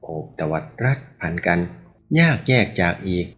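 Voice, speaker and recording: A man reading a martial-arts novel aloud as an audiobook narrator, raising his pitch to voice the characters. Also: moderate pace, a bit bright, lo-fi sound.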